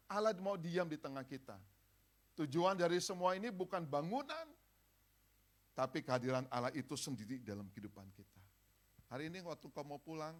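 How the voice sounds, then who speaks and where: A male pastor preaching at a church service. He talks directly to the congregation and swings between loud calls and soft, pleading passages. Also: a little high. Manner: conversational, speaks directly to the congregation. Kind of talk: sermon.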